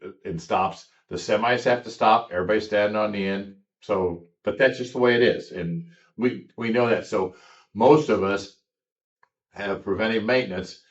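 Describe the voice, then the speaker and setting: A middle-aged American man, a farmer, talking casually in a reflective, halting way. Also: fairly low pitch. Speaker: farmer guest. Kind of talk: casual conversation. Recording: distant mic, dull muffled sound.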